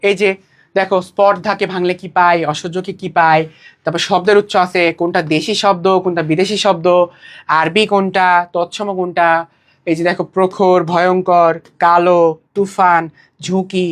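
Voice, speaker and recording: A woman teaching a grammar class for an admission exam, speaking. She asks questions and answers them herself. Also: medium pitch. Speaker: admission test Bangla tutor. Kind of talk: online exam-prep lecture.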